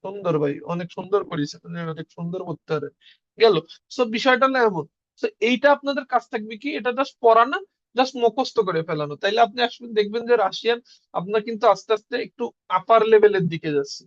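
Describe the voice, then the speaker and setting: A man with a fairly high voice leads an online class, explaining step by step. He poses questions to the class and then answers them himself. The audio is dull and lo-fi. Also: animated, fast talker. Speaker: Russian language teacher.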